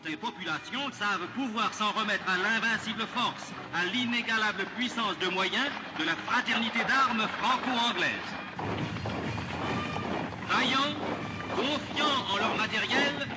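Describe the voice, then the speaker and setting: A man's voice: extremely high pitch, a little slow, heavy background noise. A man speaking as an announcer in old propaganda newsreel commentary, with a heroic vibrato-laden tremolo and a grandiloquent, declamatory delivery. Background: loud stirring music.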